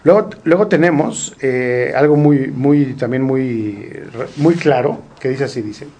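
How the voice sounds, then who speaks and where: A man's voice: medium pitch, unhurried, dark tone. A man teaching a Torah study group, asking questions and translating Hebrew quotes. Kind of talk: informal study-group lesson.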